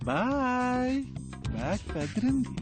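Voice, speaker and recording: A man's voice: extremely high pitch, big pitch swings, takes it slowly, music in the background, full character voice. An actor playing a sly, flirtatious male office assistant in a film. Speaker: interview assistant.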